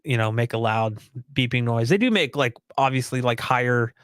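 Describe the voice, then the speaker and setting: A man's voice: medium pitch, normal speed, fairly bright tone, smooth, no room sound. A young man co-hosting a podcast live stream, chatting casually in an easygoing, rambling, self-deprecating way. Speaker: podcast co-host.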